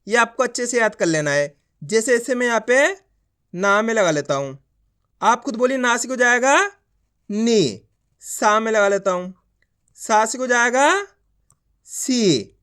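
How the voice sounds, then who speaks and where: A man teaches a reading lesson. He sounds out each letter slowly and keeps asking if learners follow along. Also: extremely high pitch, sharp tone. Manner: slow syllable-by-syllable drilling, asks learners to repeat along; often asks whether it is clear. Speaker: Hindi teacher.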